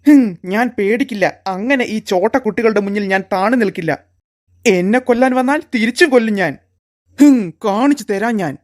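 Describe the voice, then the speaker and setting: A nervous cartoon man, as a woman voices him who squeals in panic and then growls out threats. His voice sits high for a man. He swings between whining and tough talk. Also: a little fast, darkish tone, lightly acted. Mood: threatening. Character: jumpy grown cartoon man who turns blustering.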